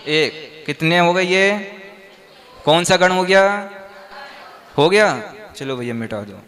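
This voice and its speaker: A man's voice: high-pitched, lively intonation, slow pace, a bit bright. A man, a monk, teaching verse meter to a class, patiently explaining step by step and quizzing them with repeated questions.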